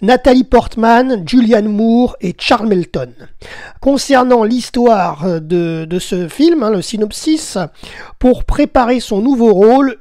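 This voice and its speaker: A man's voice: sits high, darkish tone, no room sound, clean studio sound. A man hosting a radio podcast, reading out the day's festival programme with many fillers and restarts. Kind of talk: daily festival programme rundown.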